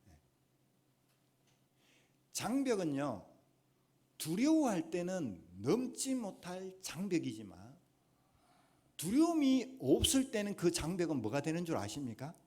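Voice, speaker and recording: A man's voice: high voice, huge pitch swings, a little slow, pauses often. A man preaching a Sunday sermon in a church, with a Gyeongsang accent, building to emphatic exhortation. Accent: Gyeongsang Korean. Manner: emphatic, rising to forceful exhortation. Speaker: pastor. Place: church sanctuary.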